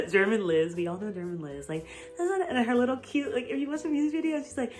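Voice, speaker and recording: A woman's voice: a little high, fairly quick, soft background music. A young American woman chatting casually in a vlog, rambling and gushing with lots of fillers and giggles. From United States. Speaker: vlogger. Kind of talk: casual chat.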